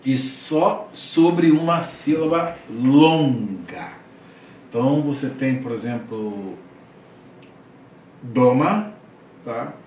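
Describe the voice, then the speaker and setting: Male teacher, mid pitch, explanatory lecture, echoey room, distant mic. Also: slow, darkish tone, slight background noise. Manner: explanatory, frequent "tá?" checks, hesitant restarts. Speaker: Greek teacher. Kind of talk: classroom lecture.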